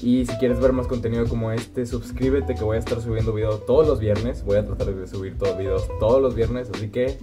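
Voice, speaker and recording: A young man with a Mexican accent telling a childhood story on his vlog, swinging between hushed asides and loud exclamations. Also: medium pitch, steady tone, fairly quick, few pauses, over music. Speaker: vlogger.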